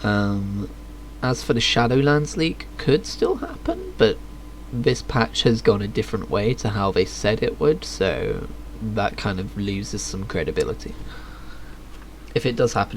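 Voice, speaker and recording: Speaking into a streaming microphone, a man gives casual, understated live game commentary and reads aloud. His voice is on the low side with big pitch swings and a measured pace. The recording is rough, with faint background noise and faint game ambience.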